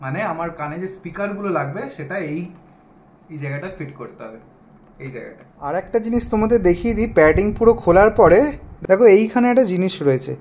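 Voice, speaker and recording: Demonstrating gear for his motovlog audience, a man explains things casually and addresses viewers directly. He speaks quickly and expressively in a high, slightly mellow voice; the room echoes and there's faint noise behind him.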